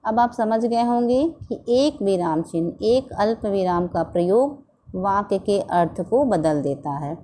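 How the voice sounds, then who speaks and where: A woman teaching a school grammar lesson, explaining slowly and deliberately and restating each term in simpler words. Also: mid-range voice, lively intonation, warm tone, a little hiss or hum. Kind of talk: recorded Hindi grammar lesson.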